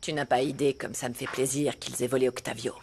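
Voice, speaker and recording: A woman's voice: rumbling low, flat delivery, fairly quick, slight background noise. An actress playing an arrogant, cold-hearted mother in a dubbed telenovela, speaking in a haughty, dismissive way.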